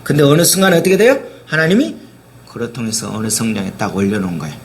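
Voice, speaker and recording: A man's voice: mid-range voice, expressive, fast. A man preaching a sermon as pastor, constantly asking his listeners rhetorical questions and dramatically acting out the words of biblical figures.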